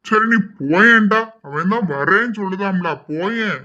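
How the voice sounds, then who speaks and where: A man doing a slow, grumbling grandfather. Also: sits high, lively intonation, pushed and bright, exaggerated voice. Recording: slightly dull lo-fi audio.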